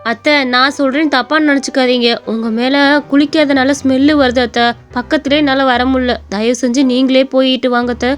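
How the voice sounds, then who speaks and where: Brief: woman playing a sharp-tongued young daughter-in-law, high and blunt, cartoon story. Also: fairly even intonation, brisk, soft background music, lightly acted. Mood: rude dismissive. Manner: blunt and dismissive.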